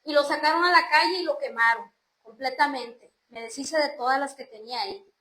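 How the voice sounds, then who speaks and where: High-voiced woman giving testimony. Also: brisk, a bit bright, a little hiss or hum. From Mexico. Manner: earnest, repeatedly addresses the audience as brothers and sisters. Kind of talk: emotional religious testimony. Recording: roomy echo.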